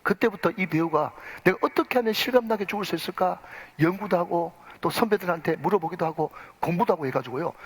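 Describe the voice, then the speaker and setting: Emphatic preacher in a long reverb. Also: male voice, on the high side, a bit bright, husky. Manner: emphatic, leads congregation in responses. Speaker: pastor. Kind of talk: sermon. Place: church sanctuary.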